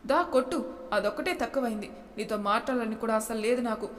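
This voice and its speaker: Lady doing a fiery hurt young wife from a storybook, scolding, kinda high voice, echoey hall. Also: quick pace, lightly acted. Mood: angry. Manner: scolding, defiant. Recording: long hall reverb.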